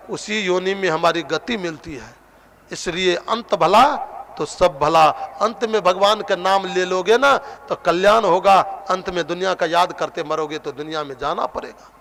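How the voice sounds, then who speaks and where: A man's voice: high voice, a little slow, creaky, a bit bright. A man preaching a devotional sermon from eastern India, telling a story and acting out its voices, with a few sung phrases. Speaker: katha preacher. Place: outdoor religious gathering with sound system.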